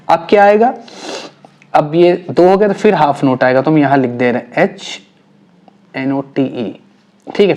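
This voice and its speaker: A man teaching music theory, explaining slowly and patiently while he writes, often repeating points and checking that his students follow. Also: fairly high pitch, a little mellow.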